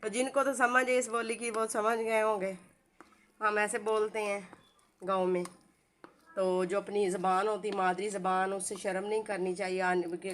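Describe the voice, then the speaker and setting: A woman's voice: mid-range voice, a little hiss or hum. A middle-aged woman with a Pakistani Urdu accent, chatting through a home cooking tutorial with homely, rambling asides. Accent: Pakistani Urdu, village Saraiki-like dialect. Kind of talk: casual cooking tutorial chat.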